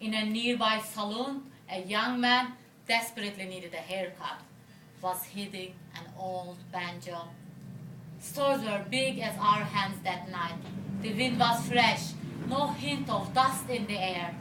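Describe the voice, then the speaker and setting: A woman poet giving a slow, deliberate poetry reading in a bar. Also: medium pitch. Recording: roomy, distant mic with noise.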